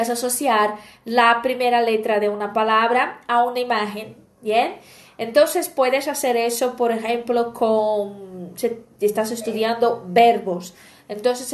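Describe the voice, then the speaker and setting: A high-voiced woman teaches casually in an online language lesson. As a chatty language teacher, she explains things through anecdotes and frequently asks "¿bien?"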